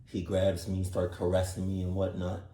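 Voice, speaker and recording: A man's voice: low voice, monotone, moderate pace. A man hosting a reaction video, cracking jokes and mocking the story in casual commentary. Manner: loud, joking asides and mocking impressions. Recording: roomy echo.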